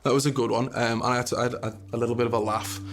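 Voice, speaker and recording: A man's voice: mid-range voice, flat delivery, very fast. A man working as an ambulance call handler, talking bluntly and wryly about his job in a documentary interview. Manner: blunt, wry and matter-of-fact. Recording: music bed under voice. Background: music.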